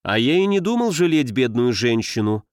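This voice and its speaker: A man's voice: medium pitch, big pitch swings, normal speed, clean tone, dry recording, lightly acted. Sly devil narrator in an audiobook, read by a man, dry sound. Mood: mocking. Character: male devil telling a story, sly.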